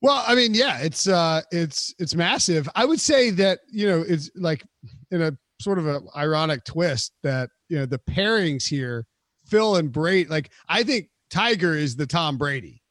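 High-voiced rambling guest. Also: male voice, expressive, normal speed, a bit bright, dry recording, studio quality. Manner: rambling, heavy on fillers, laughs often. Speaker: guest football podcaster. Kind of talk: casual chat.

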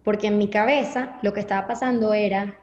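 A woman's voice: mid-range voice, steady tone, brisk, darkish tone, a little hiss or hum. A young woman with a Venezuelan Spanish accent tells her story candidly as an interview guest. She brings it alive by acting out her own past thoughts. The recording has a roomy echo and a slightly muffled, dull tone. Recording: echoey, slightly dull audio.

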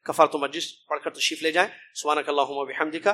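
A man's voice: on the high side, little pitch movement, sharp tone, a little hiss or hum. A middle-aged man from India or Pakistan gives an emphatic sermon in a mosque, often asking rhetorical questions and calling his listeners brother. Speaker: preacher translating a Friday sermon.

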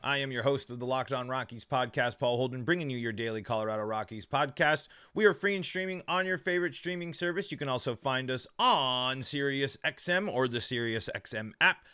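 Numb-mouthed man hosting a sports podcast, bright voice. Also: medium pitch, brisk, hardly any pauses, clean tone. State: mouth numb from dental work. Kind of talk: live sports commentary.

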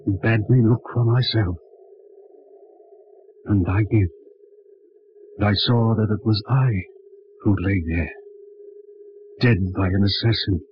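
An actor playing a weary, courteous, brooding President Lincoln, speaking in a grave, halting, solemn way in a vintage radio drama. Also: male voice, on the low side, faint music behind. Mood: haunted dread. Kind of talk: 1950s radio drama acting. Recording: dull vintage radio recording.

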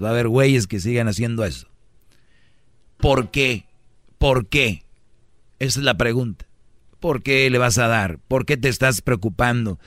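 Brash Mexican male host, mid-pitch, dry studio, comic sermon on dating. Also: no echo. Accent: Mexican Spanish. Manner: brash, preachy, mimics voices for jokes. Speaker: radio host giving dating advice. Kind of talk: comic radio monologue.

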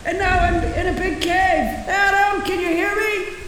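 A woman podcast host shouting and swearing in exasperation, her voice ringing with big echoing cave reverb. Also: very high voice, level tone, normal speed. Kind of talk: improvised comedy bit. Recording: very echoey cavernous reverb with noise.

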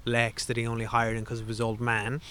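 A man's voice: medium pitch, completely flat delivery, brisk, bright, forceful tone, smooth. A man hosting a podcast, chatting casually through an episode recap and introducing clips, with lots of fillers. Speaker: podcast host.

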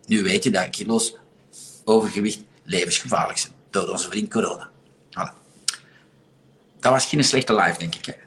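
Flemish male livestream host, blunt and sarcastic, animated with rhetorical questions. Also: fairly low pitch, a little hiss or hum. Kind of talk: casual livestream commentary.

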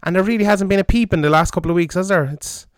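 A man's voice: high-pitched, quick pace, no room sound, studio quality. An Irish man hosting a podcast in casual, joking, informal chat, his voice hungover. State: hungover, rough voice. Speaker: podcast host.

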